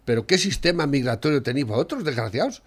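A man from Spain ranting furiously about politics, swearing and shouting insults. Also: mid-range voice, animated, fast talker. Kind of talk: profane political rant.

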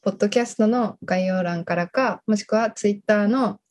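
A woman's voice: medium pitch, normal speed, a little mellow. Chatty woman podcast co-host. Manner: chatty, frequent agreeing backchannels, wraps up the show. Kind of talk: casual chat.

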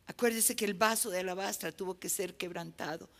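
A woman's voice: lowish voice, a little fast, fairly bright tone. A woman preaching a sermon, emphatic and repeating phrases for effect while telling anecdotes.

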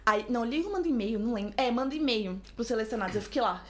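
A young Brazilian woman with a Brazilian Portuguese accent, chatting as a podcast guest and telling stories with lively acted-out quotes. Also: fairly high pitch. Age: young adult. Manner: rapid, animated storytelling with acted quotes. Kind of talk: casual podcast chat.

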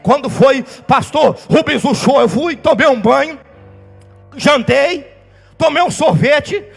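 A man preaching as a pastor, telling stories with fiery energy and shouting at the peaks. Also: very high-pitched, lively intonation, takes it slowly, creaky. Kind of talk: sermon. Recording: reverberant hall with faint music.

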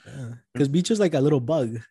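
A man's voice: medium pitch, expressive, fairly quick, dark tone, slightly rough, no echo, studio quality. A man in a casual chat, laid-back, explaining things with everyday examples.

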